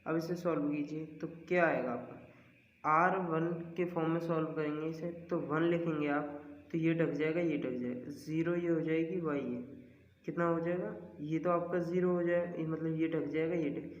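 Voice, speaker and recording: A man's voice: a little high, fairly even intonation, normal speed. A man teaching a math lesson at the board, working through each step and asking rhetorical questions as he goes. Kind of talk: board-work lesson explanation. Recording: echoey hall, dull lo-fi sound.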